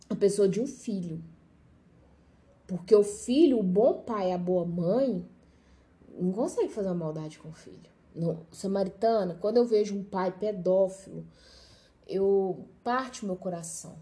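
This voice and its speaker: A woman's voice: mid-range voice, mellow. A middle-aged Brazilian woman preaching an informal Bible lesson, with homely examples and joking asides to her listeners.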